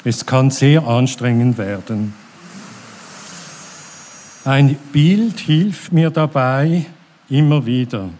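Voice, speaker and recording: Brief: middle-aged male church speaker, very slow and calm, mellow warm tone, sermon delivery. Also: medium pitch, slight background noise.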